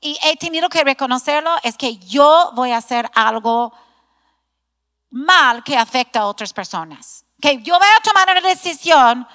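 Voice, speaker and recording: Middle-aged woman preacher, high-pitched, emphatic, recorded in a reverberant church hall. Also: animated, normal speed, sharp tone. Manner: earnest, self-deprecating, emphatic preaching. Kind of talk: sermon to a women's gathering.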